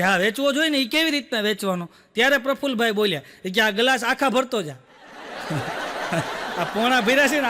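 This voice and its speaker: A man doing stand-up comedy, telling jokes rapidly and acting out the dialogue of his characters. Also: very high voice, bright, forceful tone, in a large hall. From Gujarat, India. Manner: rapid joke telling, acting out quoted dialogue, frequent rhetorical "બોલો". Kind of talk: Gujarati joke telling on stage.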